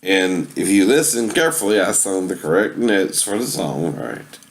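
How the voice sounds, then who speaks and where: An amateur video demonstrator shows off a tape deck in a low, expressive voice at normal speed. His talk is casual and instructional, with sung impersonations, and he often ends phrases with "right?"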